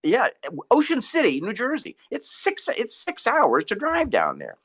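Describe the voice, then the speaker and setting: A middle-aged man tells stories in a casual interview. He stammers over repeated words and chuckles as he goes. His pitch rises and falls in a lively way. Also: unhurried. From Boston. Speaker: ventriloquist guest.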